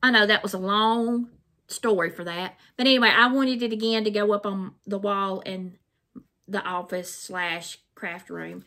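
Slightly slow, steady and sharp-toned in the mid range, this middle-aged Mississippi woman speaks with a Southern accent as she chats through an unboxing of craft supplies for her vlog. The talk is homespun, rambling and repetitive. It's recorded in a small, plain room that's noisy and full of crinkling plastic.

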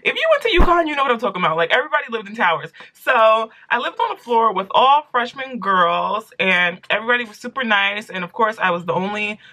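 A young American woman with a bright, forward voice at a medium pitch. She chats casually to camera like she is dishing gossip to friends, in an animated storytime manner. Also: brisk, few pauses, rough recording. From New York City, United States. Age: 20s. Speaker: vlogger. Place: small room indoors at home.

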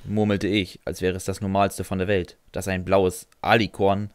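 A man's voice: low-pitched, flat delivery, normal speed, no room sound. A man narrating a first-person fan audio drama in a dry, sardonic way, answering with hesitant "äh"s.

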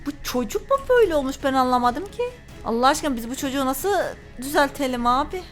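A woman's voice: sits high, lively intonation, quick pace, faint music behind. A woman hosting a gaming channel, giving jumpy, frightened commentary on a horror game and reading its notes aloud to viewers.

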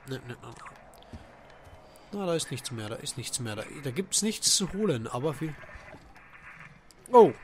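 A man commentating a horror game as he plays, swearing and shouting at enemies. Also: high voice, a little hiss or hum. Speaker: let's play gamer.

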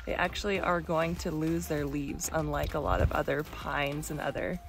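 A young woman, an environmental educator, explaining mushrooms and trees on a hike in a relaxed, informative way. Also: deep voice, moderate pace, creaky, over music. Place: outdoors on a mountain trail.

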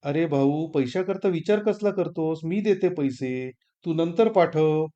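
Man voicing a generous sister, soft, reassuring, gentle pace, storybook reading. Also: fairly high pitch, measured pace, muffled recording, natural voice. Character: kind, generous elder sister.

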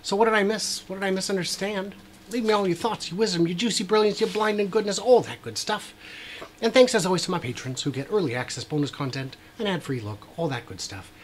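Speaking fast in a high-pitched voice, a man in his forties hosts a YouTube video with chatty, wry commentary over drone footage and many "uh" fillers. He's in a small room with a brick wall, and a slight hiss or hum runs underneath.

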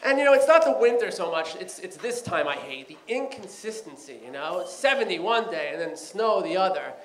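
A man's voice: high-pitched, sing-song, brisk. A man in his thirties doing a chatty, rambling stand-up set in a comedy club, full of "you know" and "like". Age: 30s. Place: comedy club stage with live audience. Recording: roomy club with crowd noise.

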